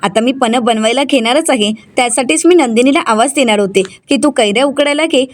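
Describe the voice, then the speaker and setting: A woman voicing a bossy middle-aged mother of the house, scolding briskly in a serial recap. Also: high-pitched, close to an everyday voice.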